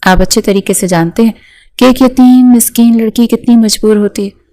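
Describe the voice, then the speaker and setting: A woman's voice: a little high, dark tone, lightly acted. A woman voicing a scheming, dramatic orphan girl under eighteen who pleads and pities herself in a sly way. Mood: pleading. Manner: pleading, self-pitying, sly.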